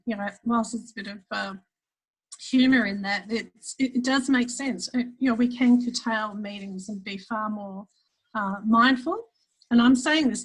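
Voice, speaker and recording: A woman's voice: medium pitch, husky, rough recording. Chatty woman leading a video webinar. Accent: Australian. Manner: chatty, restarts often while explaining. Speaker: webinar facilitator. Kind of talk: online workshop presentation. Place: home office, standing. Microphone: video call.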